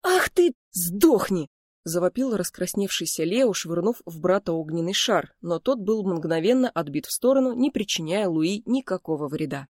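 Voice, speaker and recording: Woman narrator, calm first-person storytelling, dry close recording. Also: on the low side, moderate pace, hardly any pauses, no room sound. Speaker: audiobook reader.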